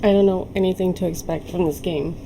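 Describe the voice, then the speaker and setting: A woman hosting a let's play, switching between excited, casual, sweary reactions and reading the story aloud, with soft, mispronounced R's. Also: fairly low pitch, fast, a little hiss or hum, poor audio. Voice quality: non-rhotic speech impediment, soft R's. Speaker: gaming host. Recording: loud music behind. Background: game music.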